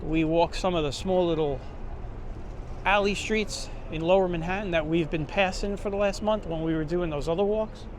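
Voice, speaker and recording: A man's voice: high voice, normal speed. A man with a Brooklyn accent giving chatty, informal commentary as he hosts a walking tour. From Brooklyn, New York. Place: outdoors on city streets, walking. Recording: street noise, traffic and vehicles. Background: street ambience and vehicles.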